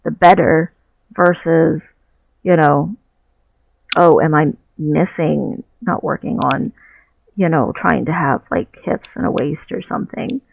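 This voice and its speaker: This vlogger has a fairly high voice with vocal fry and takes his time, musing openly in a video diary while hunting for the right words. He sits on his bed at home speaking into a headset mic. The sound comes across muffled, dull and lo-fi.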